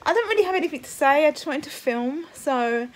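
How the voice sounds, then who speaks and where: A woman's voice: sits high, expressive, fairly quick. Rambling young woman vlogging. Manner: rambling, hesitant, lots of ums. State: heavily pregnant, uncomfortable. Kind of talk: casual family vlog chat. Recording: faint background noise.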